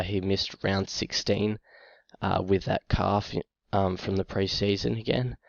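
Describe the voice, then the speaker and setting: A sick man, short of breath and coughing, talking to camera in a halting, casual way with many ums and uhs. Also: deep voice, vocal fry, dry recording, lo-fi sound. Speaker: fantasy football YouTuber.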